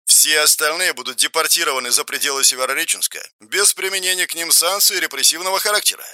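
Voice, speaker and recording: A man's voice: on the high side, quick pace, sharp tone, no room sound, pitched above the performer's own voice. A stiff, formal policeman reading out a notice and stumbling on the names, as a narrator reads him. The sound is dry and close. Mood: official.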